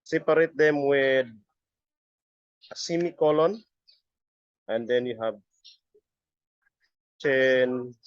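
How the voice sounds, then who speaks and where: A middle-aged man giving a step-by-step software tutorial as an instructor, halting and often repeating his words. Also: mid-range voice, no room sound. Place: busy area, on a video call or webcam setup. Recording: dull lo-fi audio.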